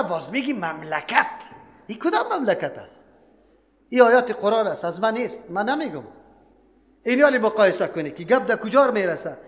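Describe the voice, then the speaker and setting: A man's voice: very high-pitched, fairly bright tone, long reverb tail. A man with an Afghan Dari accent giving a Quran commentary lesson, lecturing emphatically and firing off rhetorical questions. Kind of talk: sermon-style Quran lesson.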